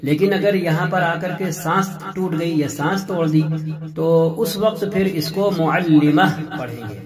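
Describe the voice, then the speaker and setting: A man's voice: on the high side, a crowd in the background. A man teaching a script lesson, explaining patiently and repeating each point with fillers.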